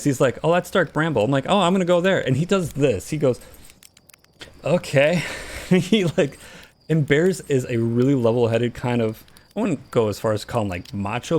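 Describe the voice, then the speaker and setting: A man hosting a casual podcast, telling a story and acting out the quoted lines with animation. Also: mid-range voice. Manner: animated, acts out quoted dialogue. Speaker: podcast host and streamer.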